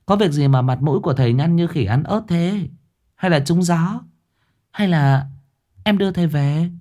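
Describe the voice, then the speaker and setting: A pushy village woman, played by a male narrator, chatters in a high, pinched voice for an audio ghost story. Her lines climb well above his normal pitch and hustle along. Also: moderate pace, dark tone, lightly acted. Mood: fussing. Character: brash middle-aged village woman, nosy.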